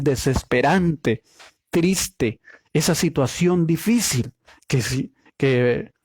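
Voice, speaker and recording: A man teaching a Bible study, slow and emphatic, listing word meanings one by one and answering his own questions. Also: fairly high pitch, darkish tone, no room sound, studio quality. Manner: asks the listeners questions and answers them himself.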